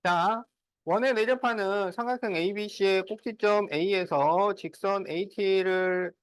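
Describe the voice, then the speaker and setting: A man's voice: high voice, unhurried, clear, resonant tone, no echo. A man teaching a class math, working through problems step by step and often checking whether students follow. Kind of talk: classroom lesson.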